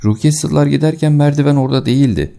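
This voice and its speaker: A man's voice: a little high, fast, vocal fry, warm tone, voice pushed up. A man voicing an anxious young woman, a governess, who exclaims in alarm in an audiobook.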